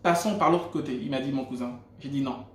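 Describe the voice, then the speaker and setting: A Gabonese man with a Gabonese French accent shares a personal faith testimony in a medium-pitched, fairly quick voice. He tells it earnestly with frequent restarts, and the recording has a roomy echo.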